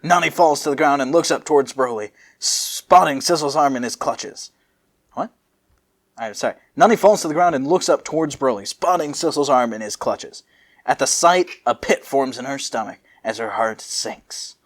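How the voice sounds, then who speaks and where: Speaking at normal speed with a medium-pitched voice, a man narrates a story as an amateur host. He mixes dramatic reading with jokey, casual asides, laughing at the text.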